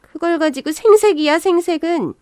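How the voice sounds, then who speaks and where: A woman's voice: extremely high pitch, normal speed, darkish tone, no room sound, studio quality, voice pushed up. A woman voicing a bossy, scolding older mother-in-law who talks with harsh contempt.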